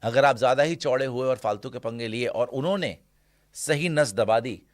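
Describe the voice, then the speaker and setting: Blunt man in mid-pitch. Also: moderate pace, no room sound, studio quality. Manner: blunt, opinionated, mocks critics. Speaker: cricket show host. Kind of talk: casual cricket talk.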